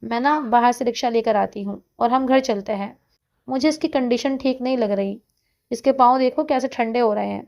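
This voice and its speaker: A woman's voice: fairly high pitch, creaky, darkish tone, highs cut off. A woman voicing a bold, hot-tempered young woman in a story, speaking sharply and bossily. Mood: urgent.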